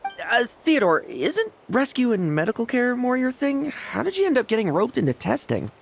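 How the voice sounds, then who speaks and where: A man's voice: extremely high pitch, huge pitch swings, normal speed, creaky, exaggerated voice. A man playing a cocky, aloof young knight captain in a video game, flippant and sardonic. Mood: teasing. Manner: flippant, boastful.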